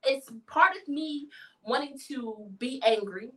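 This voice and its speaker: A woman's voice: high-pitched, measured pace, crowd noise, rough recording. A woman hosting a podcast in casual conversation, who talks emphatically and repeats words for effect. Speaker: podcast host.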